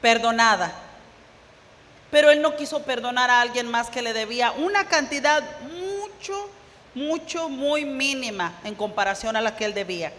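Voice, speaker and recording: Her pitch fairly high and her tone a bit bright, a woman pastor speaks at a moderate pace in a church sanctuary with the sound of a large hall. She narrates a parable, voices its characters' dialogue, and asks her congregation rhetorical questions.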